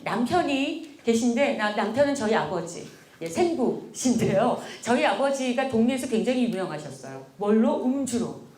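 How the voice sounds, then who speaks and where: A woman lecturer talks animatedly and playfully, speaking straight to her audience. Her high voice swings widely in pitch. The echo of a large lecture hall carries every word. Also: very animated, moderate pace, a little mellow. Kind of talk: motivational lecture.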